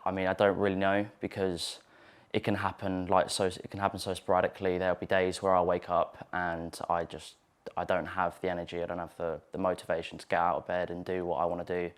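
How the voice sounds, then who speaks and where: A man's voice: low-pitched, completely flat delivery, brisk. A man in his twenties speaking hesitantly and reflectively in a personal interview. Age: 20s. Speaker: student society welfare rep.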